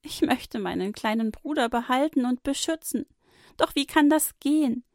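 A woman voicing a young girl, an anxious but brave big sister in a children's Bible story, speaking high and eagerly. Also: normal speed, darkish tone, no echo, studio quality. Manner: high, eager, tearful pleading.

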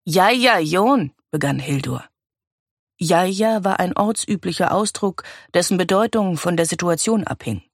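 A narrator reading a crime novel aloud in an even, measured way. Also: medium pitch, gravelly, dry recording, clean studio sound. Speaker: audiobook narrator.

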